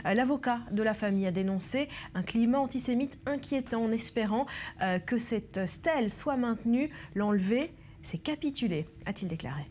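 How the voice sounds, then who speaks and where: A woman presents morning radio news in a fairly high voice. There is faint noise behind her as she introduces reports and guests. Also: expressive, normal speed, mellow.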